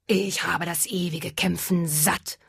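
A woman voicing a grumpy male dragon, tired of fighting, who speaks slowly and drawn out. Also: lowish voice, fairly even intonation, gravelly, husky, no echo, clean studio sound, heavily acted. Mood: fed up.

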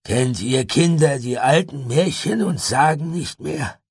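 A man reading an audiobook, voicing a gentle, wistful grown man who speaks reassuringly. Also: medium pitch, takes it slowly, no echo, studio quality, voice pushed up, natural voice.

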